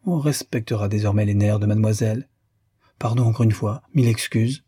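Male reader voicing a sarcastic young student, mock-polite, husky dark timbre, storybook reading. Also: on the low side, steady tone, a little fast, dry recording, studio quality.

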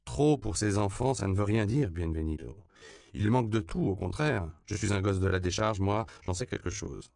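A man's voice: low-pitched, gravelly, a little mellow, dry recording, studio quality. A man voicing a weary older male writer who speaks in blunt, bitter outbursts.

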